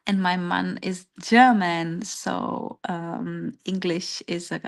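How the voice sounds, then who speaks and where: A woman with a Czech accent runs an informal live craft workshop, walking through the steps while hesitantly searching for English words. Her voice is fairly low and steady, slow-paced, with some vocal fry.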